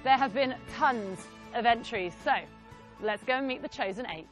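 Upbeat woman presenting, high-pitched. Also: normal speed, music in the background. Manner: energetic, announcing.

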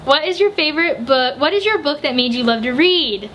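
A young American woman with a slightly high voice runs through viewer questions in a casual home vlog. She answers in quick, chatty bursts. A faint hiss of room noise sits under the camera mic. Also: expressive, fairly bright tone. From United States. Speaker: book vlogger. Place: home room with bookshelves, indoors.

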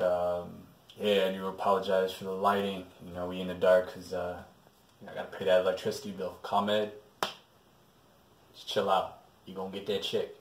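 Laid-back joking man, city noise behind. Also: low voice. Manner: joking, laid-back, talks straight to viewers. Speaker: vlogger. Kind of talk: casual vlog talk to camera. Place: outdoors in a city, streets and park. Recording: noisy outdoor phone recording. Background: city traffic and street ambience.

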